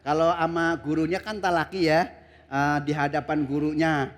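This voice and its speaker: A kiai from Kroya hosts a religious TV show in a high voice. He chats casually and jokes a lot, then slips into melodic chanting. He is recorded in a television studio. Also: flat delivery, moderate pace. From Kroya, Central Java. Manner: playful, joking, breaks into sung recitation.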